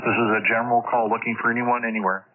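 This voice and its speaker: A man running net control on an amateur radio net, talking in a relaxed, halting way with many pauses, heard over a radio link with static. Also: medium pitch. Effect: heard over a ham radio link with static. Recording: tinny shortwave radio with faint static.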